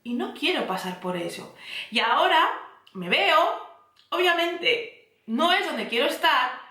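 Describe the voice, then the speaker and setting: A woman's voice: high-pitched, animated, measured pace, pushed and bright. A woman podcast host giving a candid, confiding motivational talk. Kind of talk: motivational self-help talk. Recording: echoey room.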